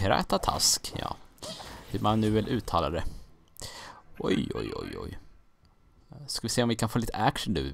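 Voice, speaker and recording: A man's voice: sits low, creaky. A young man from Sweden casually commenting on his own gameplay, rambling, joking and getting confused, with some mild swearing. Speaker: gaming let's-player.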